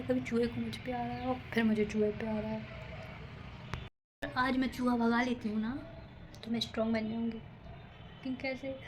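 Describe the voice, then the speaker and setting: A woman's voice: a little high, slight background noise. A young woman vlogging casually to camera, chattering nervously and rambling, laughing at herself, moving between a rooftop and a room at home. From India. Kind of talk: casual vlog talk to camera.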